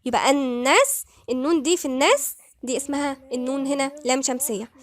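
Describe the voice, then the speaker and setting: A woman with an Egyptian accent teaching Quran recitation rules, patiently repeating words slowly syllable by syllable. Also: high voice. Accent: Egyptian Arabic. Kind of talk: tajweed lesson, slow recitation.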